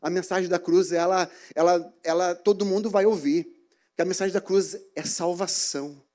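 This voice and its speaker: A man preaches in a church. His voice sits high for a man. He tells his stories in an animated way, acting out each scene as he goes. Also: normal speed. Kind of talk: sermon.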